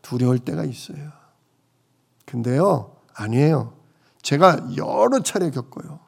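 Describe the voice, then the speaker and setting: A male pastor preaching a sermon, swinging between loud emphatic lines and hushed quiet ones. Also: mid-range voice, lively intonation, unhurried, vocal fry, husky. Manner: acts out quoted voices of troubled people.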